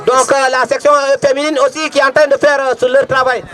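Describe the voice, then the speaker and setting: High-pitched, excitable Senegalese man commentating football. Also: fast. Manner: excitable, repeats phrases, hesitant searching for words. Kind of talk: live amateur match commentary. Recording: loud music under the voice.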